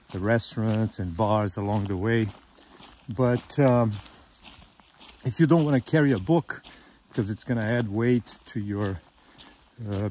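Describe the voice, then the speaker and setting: Guy in his 50s talking into his phone on a hike, low voice, slow with lots of uhs, bit of outdoor noise. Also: darkish tone. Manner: slow and halting, many "uh" fillers. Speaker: hiking vlogger. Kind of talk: casual walking vlog. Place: outdoors on a forest trail. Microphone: phone camera held at arm's length.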